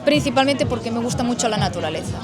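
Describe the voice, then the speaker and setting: A woman from Spain telling an interviewer, in a lively way, how she ended up where she lives. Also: on the high side, fast talker. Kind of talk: interview answers. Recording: outdoors with music and crowd behind.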